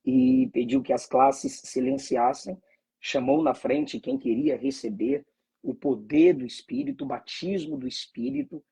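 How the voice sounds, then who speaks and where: A man's voice: mid-range voice, animated, measured pace, gravelly, mellow, breathy edge, low-quality recording. A man from Bahia, a pastor, speaking with fervent preacherly cadence and frequent hallelujahs. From Bahia, Brazil. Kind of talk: conversation and preaching reflection.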